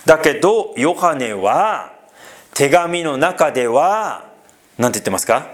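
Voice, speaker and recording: A man preaching a sermon as pastor, conversational and animated, with frequent fillers and asides to the congregation. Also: on the high side, a little slow.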